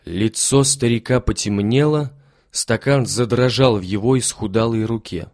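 A man reading a story aloud in a calm, measured way. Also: medium pitch, dry recording, clean studio sound. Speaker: narrator.

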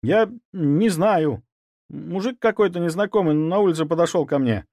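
A man's voice: high-pitched, animated, moderate pace, a little mellow, no room sound, studio quality, pitched above the performer's own voice. A man voicing a frightened young male servant who stammers and pleads. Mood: frightened pleading. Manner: stammering, whimpering.

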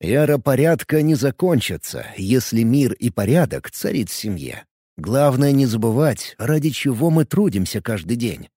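A man reading a first-person audiobook in a playful, expressive way. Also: medium pitch, moderate pace, breathy edge, no room sound, studio quality. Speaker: audiobook narrator.

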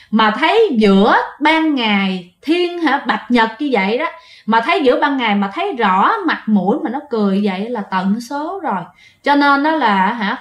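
A woman tells a ghost story in a loose, chatty way, often turning to address her listeners. Her voice sits fairly high. The recording carries a noticeable roomy echo. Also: a bit bright. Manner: chatty, addresses listeners directly, many fillers. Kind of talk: casual spoken storytelling.

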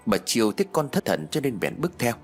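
A man narrating a ghost story audiobook in an expressive storytelling manner. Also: medium pitch, fast talker, faint music behind.

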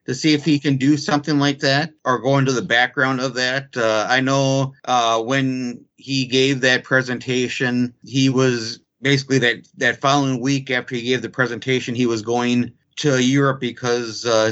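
A man calls in to a casual chat, his bright, tense voice tripping over restarts as he explains things. The call audio sounds dull and muffled. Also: mid-range voice, flat delivery. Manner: halting, with many restarts and fillers. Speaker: caller.

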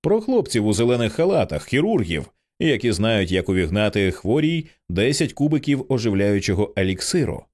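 A man narrating an audiobook with an expressive, dramatic reading. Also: lowish voice, moderate pace, few pauses.

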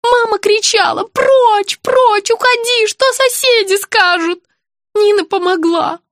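A woman reading an audiobook, voicing a frail, confused old woman who speaks slowly and pleads, often breaking into anguished cries. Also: very high voice, animated, no room sound, studio quality, pitched above the performer's own voice, heavily acted. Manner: slow, pleading, rising to wailing cries.

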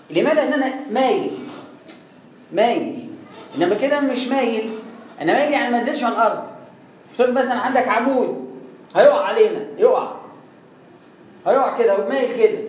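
A man's voice: very high-pitched, fast, long pauses. A man with an Egyptian accent teaching recitation rules, patiently asking questions and answering them himself, drawing out sounds to demonstrate. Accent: Egyptian Arabic. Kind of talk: explaining tajweed rules. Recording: echoey room, distant mic, faint noise.

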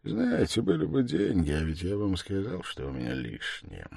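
A man reading an audiobook voices a calm, worldly middle-aged gentleman who speaks smoothly and in a businesslike way. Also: low-pitched, normal speed, no room sound, clean studio sound, exaggerated voice. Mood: composed.

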